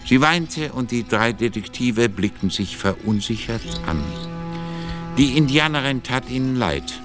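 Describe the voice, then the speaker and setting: A man narrating a German radio drama in a measured, dramatic storytelling manner. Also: mid-range voice, expressive. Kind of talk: scripted radio-play narration. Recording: narration over a music bed.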